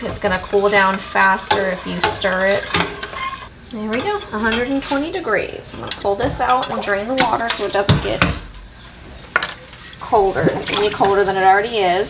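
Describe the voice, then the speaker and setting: Over a very noisy background, a homesteading vlogger in her thirties walks viewers through a casual step-by-step recipe, chatting to the camera as she cooks in her home kitchen. She speaks in a mid-range voice at a moderate pace.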